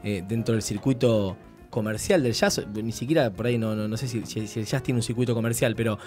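A man's voice: lowish voice, brisk, darkish tone. A young Argentine-accented man hosts a casual radio interview on a close studio microphone. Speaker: radio host. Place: small padded radio studio. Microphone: close studio microphone with headset. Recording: faint guitar music behind.

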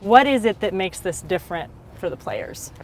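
A woman's voice: mid-range voice, big pitch swings, normal speed, in a large hall. A woman reporter guiding a walking tour interview in a conversational tone.

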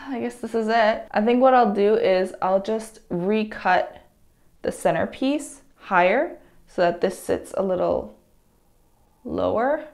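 A young woman vlogging casually while cutting her own hair, chatty and excitable, gasping and squealing in dismay and talking to herself as she goes. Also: mid-range voice, vocal fry. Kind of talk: casual vlog talk to camera.

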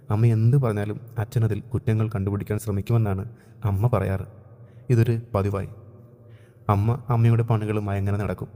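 A man reading a short story aloud in a calm, measured narration. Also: lowish voice. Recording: long room reverb.

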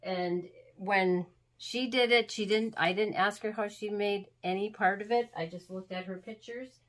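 Medium in pitch and fairly bright in tone, her voice keeps fairly even intonation at a measured pace. She hosts a craft tutorial from an indoor crafting table, a little sniffly from being sick, and gives her instructions in a chatty, homey, meandering way.

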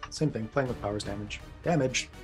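Brisk man rattling off card plays. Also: medium pitch, faint music behind. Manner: brisk play calls with light laughter. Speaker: card game player. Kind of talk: casual gameplay chat.

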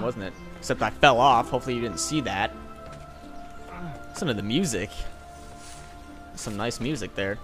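A young man casually commenting on his gameplay, sarcastic and swearing, joking at his own mistakes. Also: fairly low pitch. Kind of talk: casual let's-play commentary.

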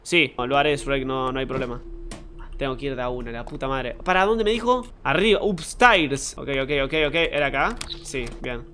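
A man's voice: medium pitch, normal speed, pushed and bright, a little hiss or hum. A young man with an Argentine accent, joking and swearing often as he gives live commentary on a horror game. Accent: Argentine Spanish. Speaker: streamer.

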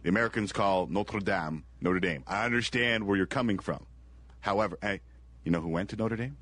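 A man's voice: lowish voice, brisk, fairly bright tone, dry recording. A man co-hosting a sports talk show, teasing and arguing playfully with his partner. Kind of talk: casual sports radio banter.

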